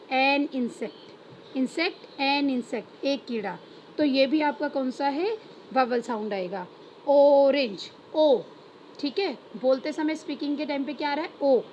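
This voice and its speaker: An Indian woman with a high voice teaches a lesson. She poses questions to her students, answers them herself, and stretches out example words slowly. The recording sounds dull and muffled, with a faint hiss underneath. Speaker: English teacher. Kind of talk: classroom lesson explanation.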